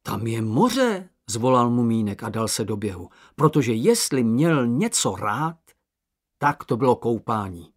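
Expressive husky male storyteller. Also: mid-range voice. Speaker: narrator. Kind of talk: audiobook narration.

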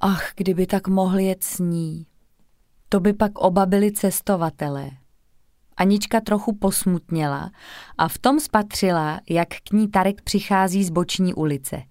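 A woman calmly reading a children's storybook aloud. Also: mid-range voice, no echo, clean studio sound.

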